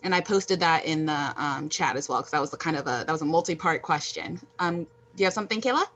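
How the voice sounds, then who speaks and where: A woman moderating a panel on a video call, reading out audience questions in a soft-spoken way. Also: low-pitched, quick pace, slight background noise. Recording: muffled video call audio.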